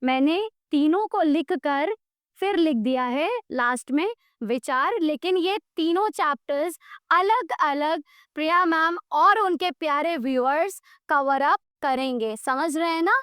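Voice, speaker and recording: A woman teacher giving a grammar lesson, explaining slowly and mixing English words into her speech, often checking whether students follow. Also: sits high, fairly bright tone, dry recording, clean studio sound. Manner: mixes English words into Hindi.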